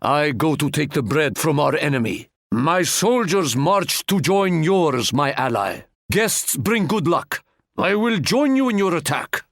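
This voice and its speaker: A man voices a proud, boastful sultan in a video game, speaking grandly and deliberately and fond of stately proverbs. His voice sits a little high, and the recording is dry and studio quality.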